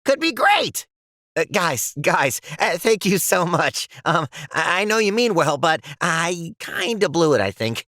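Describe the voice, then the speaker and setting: Jittery, stammering young pen. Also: male voice, fairly high pitch, big pitch swings, a little slow, pushed and bright, no room sound, clean studio sound, heavily acted. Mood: dejected. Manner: stammering, anxious. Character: young male pen, shy, nervous, self-doubting. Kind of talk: animated cartoon voice acting.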